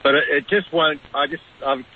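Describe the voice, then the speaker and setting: A man in his fifties calling a radio show on a speakerphone, talking hesitantly with many pauses and fillers. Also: on the high side, fairly even intonation, slightly rough. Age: 50s. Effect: on a speakerphone over a phone line. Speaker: caller. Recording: tinny phone line with faint hiss.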